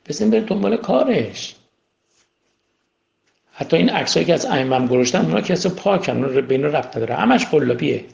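A man's voice: fairly high pitch, very animated, creaky, a little mellow, muffled recording. A man teaching a spiritual class in a lecture style, asking rhetorical questions and repeating key words for emphasis. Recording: roomy echo.

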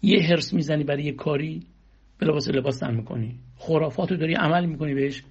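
A man's voice: a little high, slightly rough. A man giving a spiritual sermon, exhorting listeners with rhetorical questions and long lists, on a dull lo-fi recording. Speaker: religious speaker.

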